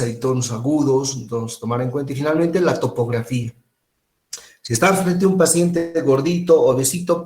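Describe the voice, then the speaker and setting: A man giving an informal medical lecture, lively and rhetorical, often asking "right?" and mimicking voices. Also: medium pitch, echoey room.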